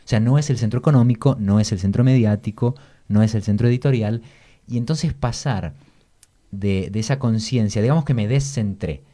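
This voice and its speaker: A middle-aged Argentine writer being interviewed, speaking in a reflective, anecdotal way with an accent that shifts between Argentine and Spanish from Spain. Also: male voice, lowish voice, normal speed, warm tone. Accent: Argentine Spanish mixed with Spanish from Spain. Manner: reflective, anecdotal, tag questions, swings between two accents. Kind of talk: relaxed conversational interview.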